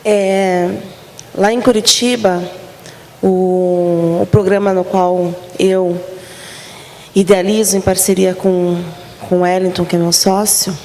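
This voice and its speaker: Woman, unhurried, gravelly voice, reflective panel talk, reverberant hall, faint background noise. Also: fairly low pitch, flat delivery, mellow. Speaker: dance artist and program organizer. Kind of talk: panel discussion. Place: arts center stage.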